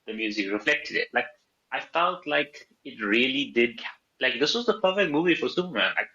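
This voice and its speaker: A man's voice: mid-range voice, animated, brisk, pushed and bright. A man co-hosting a movie podcast, casually asking questions and steering the chat. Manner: asks questions, drives the talk. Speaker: podcast co-host. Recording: dull lo-fi sound.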